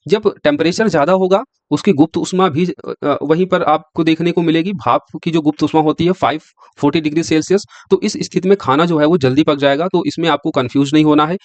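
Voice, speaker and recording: A man's voice: a little high, fairly even intonation, fast talker, hardly any pauses, no room sound. A male teacher giving an exam-prep science lecture who keeps asking the class questions and answering them himself. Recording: dry, slightly dull lo-fi sound.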